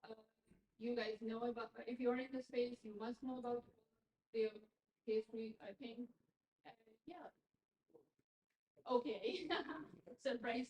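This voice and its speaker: A woman giving a halting conference presentation, with many fillers. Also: a little high, steady tone, darkish tone, a little hiss or hum. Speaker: conference speaker presenting a blockchain company. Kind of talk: presentation talk. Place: event venue. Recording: roomy, dull event audio.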